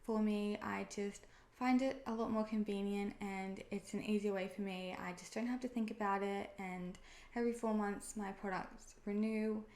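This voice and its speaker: In an echoey room with a little faint noise, a young Australian woman who sells online and creates videos explains things in a warm, chatty vlog, frequently saying "um" and "personally". Her voice is mid-range and a touch mellow, with fairly even intonation at a moderate pace.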